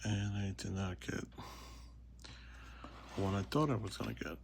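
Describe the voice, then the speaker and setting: A soft-spoken man chatting casually as he hosts an unboxing video, his voice often slipping toward a whisper. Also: fairly low pitch, normal speed, gravelly, a little hiss or hum.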